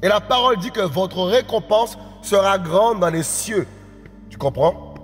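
A man preaching an evangelical sermon, often asking his listeners if they understand, dropping low and soft at phrase ends and rising to impassioned shouts. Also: lively intonation, unhurried, big-room sound, faint music behind. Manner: repeats "tu comprends?" often, drops low and quiet at phrase ends; rises to impassioned high shouts, speaking in tongues.

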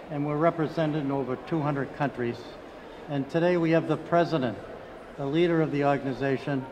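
An older man with a Boston accent, his voice a little high, hosts a live radio show from a desk microphone while wearing headphones. He talks in an upbeat announcer style packed with fillers. The setting is an indoor conference hall, and there is background noise.

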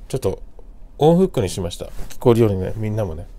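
Halting middle-aged man, lively pitch swings. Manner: halting, searching for words. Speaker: caller to a government help line. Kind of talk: casual, hesitant spoken phone inquiry.

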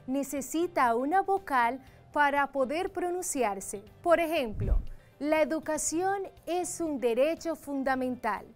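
A woman with a Dominican Spanish accent teaching a televised grammar lesson, enunciating each word slowly and carefully. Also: sits high.

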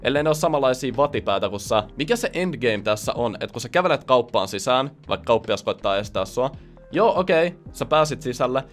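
A man's voice: medium pitch, expressive, soft background music. A young man hosting a reaction video, talking casually with profane, mocking sarcasm.

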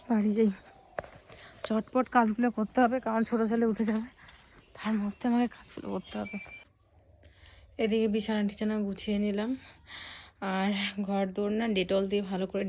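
Soft-spoken young woman vlogging. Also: mid-range voice. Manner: soft-spoken, chatty, addresses viewers directly. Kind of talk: casual vlog narration.

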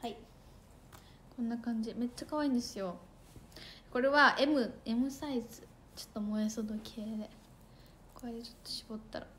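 A young woman chats with her viewers in a fast, bubbly patter, her voice sitting a little high. She thanks them for gifts and trips over words now and then. Faint room ambience hums behind her phone mic. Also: a bit bright, a little hiss or hum. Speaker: idol livestreamer. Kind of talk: casual livestream chat with viewers.

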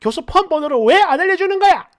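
A woman's voice: very high voice, animated, fast talker, voice pushed up. A woman mimicking a pushy middle-aged mother who whines and makes demands. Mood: indignant. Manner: whiny, demanding.

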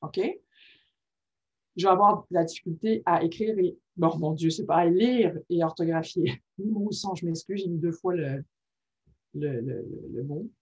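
At a moderate pace, a woman with a low, husky voice presents a workshop on reading disorders. Her informal talk is lively, and she constantly asks listeners "ok?", all heard on a muffled lo-fi recording.

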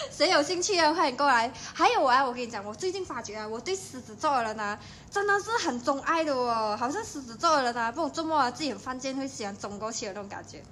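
A woman's voice: high-pitched, animated, quick pace, fairly bright tone, a little hiss or hum. A young Malaysian woman with a Malaysian Mandarin accent, chatting playfully with viewers on a livestream from home. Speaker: livestream host. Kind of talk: casual livestream chat.

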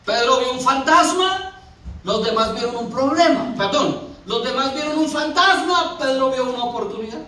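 A man's voice: very high-pitched, pushed and bright. A man preaching a sermon as pastor, telling stories and acting out little scenes in changing voices. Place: church. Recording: echoey church hall from far off.

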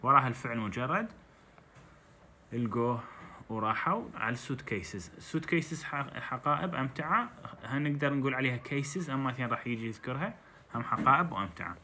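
A man's voice: mid-range voice, animated, pushed and bright, a little hiss or hum. A man with an Iraqi Arabic accent, teaching English by reading a textbook story and explaining it in dialect. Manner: reads English lines slowly, then translates into dialect.

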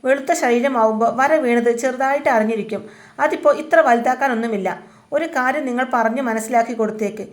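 A woman's voice: a little high, brisk, lightly acted. A woman reading a curt, dismissive young husband.

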